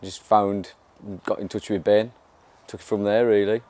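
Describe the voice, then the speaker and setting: A man with a smooth, dark, mellow voice. He tells casual anecdotes in an easy, unhurried way. The recording is dry and close. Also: lowish voice, little pitch movement, no echo. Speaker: guitarist. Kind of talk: documentary interview.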